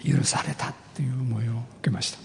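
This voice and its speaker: A man, a pastor, giving an earnest sermon testimony, telling his story in a measured way with rising emphasis. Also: medium pitch, fairly even intonation, gravelly, in a large hall, a little hiss or hum.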